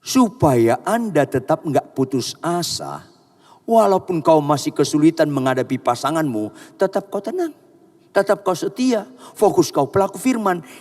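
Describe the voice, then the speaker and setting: A male pastor preaching a sermon, emphatic and rising to shouts on quoted lines, calling on the congregation to answer and clap. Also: a little high, lively intonation, normal speed. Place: church.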